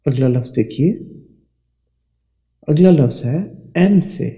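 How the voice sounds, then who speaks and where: Male teacher, very slow and mellow, spells out letters one by one. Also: medium pitch, low-quality recording. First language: Urdu. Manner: slow and deliberate, spells out letters and repeats words. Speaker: English teacher. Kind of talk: slow spelling lesson narration.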